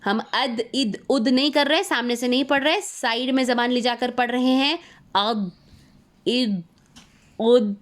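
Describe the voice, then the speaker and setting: A woman leads an online recitation lesson. She explains patiently and draws each letter sound out slowly, repeating it for her students. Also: high-pitched. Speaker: Quran recitation teacher.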